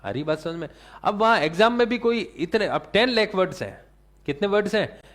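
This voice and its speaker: A man's voice: high-pitched, lively intonation, a little fast, fairly bright tone. A male teacher giving a classroom lecture, asking the class questions and answering them himself, with English terms mixed into his talk.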